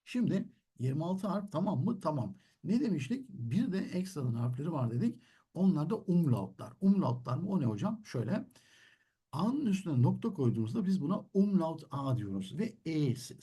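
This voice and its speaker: Guy teaching german, kinda husky, warm dark voice, asks himself questions. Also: a little high. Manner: explains patiently, asks and answers his own questions. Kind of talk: classroom-style language lesson.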